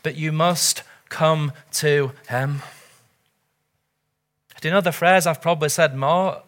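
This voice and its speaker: A man's voice: on the high side, fairly bright tone. A middle-aged man preaching a sermon as pastor, earnest and urgent, full of rhetorical questions.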